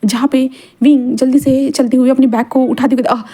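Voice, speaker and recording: High-voiced woman narrating fan fiction. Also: fairly even intonation, fairly quick, warm tone. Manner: casual, filler-heavy narration. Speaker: storyteller.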